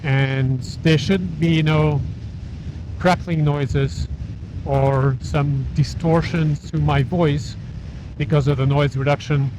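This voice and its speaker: Guy motovlogging from inside his helmet, talks slow n halting, wind and engine noise behind him. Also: fairly high pitch, fairly even intonation. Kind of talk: casual vlog talk while riding. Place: inside a motorcycle helmet, riding outdoors. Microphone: small wireless mic inside helmet.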